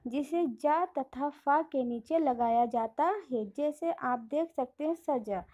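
A woman's voice: high-pitched, warm tone, highs cut off. A woman teaching a primary school class online, explaining patiently and often addressing the children directly.

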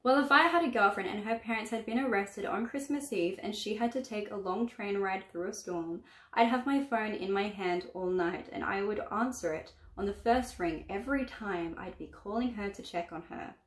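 A woman's voice: mid-range voice, moderate pace, a bit bright, lightly acted. A woman reading aloud the lines of a blunt teenage boy giving frank advice. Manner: blunt, matter-of-fact. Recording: echoey room.

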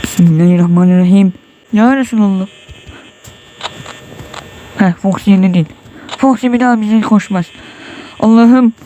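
Tense gamer, jumpy horror commentary, light mains hum. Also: male voice, high voice, normal speed, long pauses, warm tone. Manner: tense, jumpy, muttering prayers and exclamations. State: sweating, nervous. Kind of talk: horror game let's play commentary.

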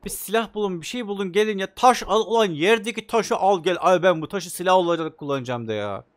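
A young man playing a video game, commenting excitedly and joking as he talks to the characters on screen. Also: high-pitched, fast talker. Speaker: gaming YouTuber. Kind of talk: let's play commentary.

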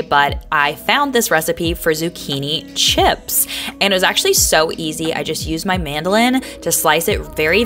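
Woman vlogger, upbeat and chatty, slightly low pitch, narrating over faint music. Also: fairly bright tone. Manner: chatty, upbeat, uses many fillers. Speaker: lunch prep vlogger.

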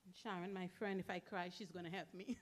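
A woman's voice: fairly low pitch, steady tone, a little fast. A middle-aged woman from Trinidad, giving a heartfelt memorial eulogy in short, emphatic phrases as a church member.

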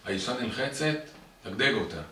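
A man teaching a Torah lesson as rabbi to a small group, animated and repetitive, often tossing questions back to his listeners. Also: mid-range voice. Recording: echoey room, far from the mic, noisy.

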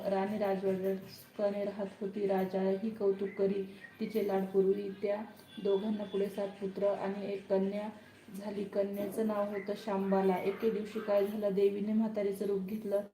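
A woman narrating a devotional story in a slow, steady reading. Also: medium pitch. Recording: roomy echo, faint background noise.

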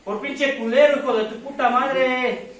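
A man's voice: very high voice, steady tone, moderate pace, a bit bright. A man with a Mexican accent giving a harsh, profane, confrontational testimony at a recovery group meeting. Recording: very echoey hall, distant mic, crowd.

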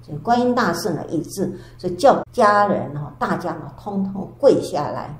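An older woman, a Buddhist nun, giving a storytelling dharma lecture with drawn-out sentence particles. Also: lowish voice, animated. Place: temple lecture hall. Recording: echoey hall with faint background hiss.

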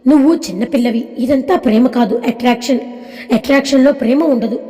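A woman's voice: high voice, a little fast, mellow, lightly acted. A woman reading as a stern, protective husband. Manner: scolding, firm. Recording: long reverb.

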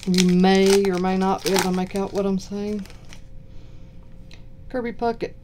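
A woman with a Southern US accent giving low-key, mumbled casual commentary while unboxing cards. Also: steady tone, moderate pace, noisy background. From southern United States. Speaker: card box-break host. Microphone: purchased microphone.

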